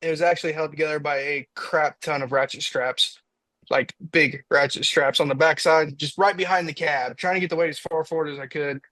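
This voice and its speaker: A man's voice: a little high, fairly even intonation, brisk, pushed and bright, dry recording, rough recording. A young man from Indiana, a diesel truck racer on a podcast, telling a story in casual chat and acting out his own quotes.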